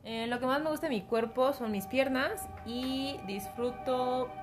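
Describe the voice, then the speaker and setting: Soft-spoken young woman, higher voice. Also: a little slow, music in the background. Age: 20s. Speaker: guest. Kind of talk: casual self-introduction.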